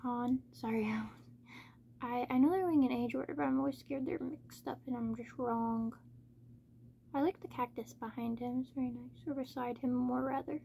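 A woman chatting casually as she hosts an unboxing, speaking in a monotone with little stress on her words. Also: high-pitched, moderate pace, vocal fry, a little hiss or hum. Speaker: K-pop album unboxing host. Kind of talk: casual chat, unboxing commentary.

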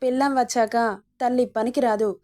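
A scolding middle-aged mother-in-law, voiced by a woman reader, nags and needles with sarcasm. Her voice sits fairly high and mellow, in a storybook reading. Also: fairly even intonation, fairly quick, natural voice. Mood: nagging. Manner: sarcastic, nagging.

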